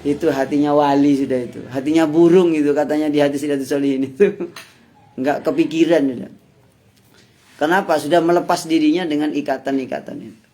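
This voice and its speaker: A Javanese-accented man, an Islamic preacher, giving a conversational study-circle sermon with loud bursts and soft asides. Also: a little high, steady tone, brisk. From Indonesia.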